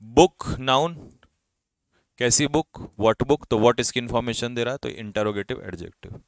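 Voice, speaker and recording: A young male English teacher with a medium-pitched voice gives a grammar lecture in class, recorded with no echo. He explains in Hindi, asks questions and answers them himself, and reads English examples slowly with stress.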